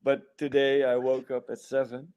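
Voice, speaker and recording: Slightly tipsy man, excited. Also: mid-range voice, normal speed. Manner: excited, rambling. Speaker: guest. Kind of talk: casual live chat. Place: small apartment.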